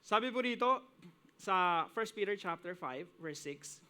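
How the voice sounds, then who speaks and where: A male pastor preaching a sermon, mixing in English phrases and reading scripture slowly with emphasis. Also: high-pitched, expressive, sharp tone, clean tone. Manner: switches between Tagalog and English, quoting scripture with emphasis.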